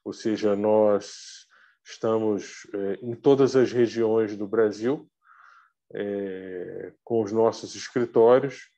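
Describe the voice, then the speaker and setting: A Brazilian man speaks through a face mask, so his fairly low voice comes out muffled. He talks very slowly and haltingly, searching for words in an informal lecture. The video-call audio is dull and lo-fi. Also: steady tone, mellow. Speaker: guest speaker, arbitrator.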